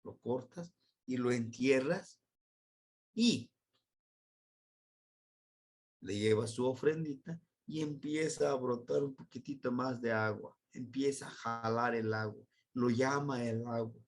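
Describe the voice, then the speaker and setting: Slow, patient Mexican man teaching. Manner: patient, explanatory, voice leaps high on key words. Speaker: Nahuatl language teacher. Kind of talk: unscripted lesson.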